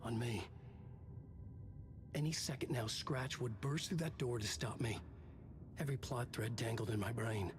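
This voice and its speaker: A man's voice: mid-range voice, normal speed, long pauses, background noise, close to an everyday voice. Man as a grave, troubled writer hero. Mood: grave, desperate. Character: troubled, earnest male writer hero, grimly driven. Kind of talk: dramatic game dialogue and monologue.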